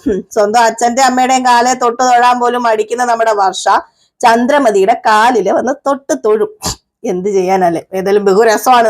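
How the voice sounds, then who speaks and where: Chatty woman retelling a soap episode. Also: fairly high pitch. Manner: chatty, acts out the dialogue. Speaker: serial recap reviewer. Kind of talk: casual storytelling recap.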